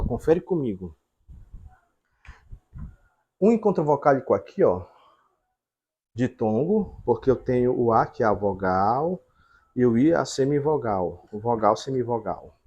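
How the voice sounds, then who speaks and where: A man's voice: mid-range voice, darkish tone, husky, dull audio. A man teaching a grammar lesson at a whiteboard, explaining step by step and checking in with the viewers.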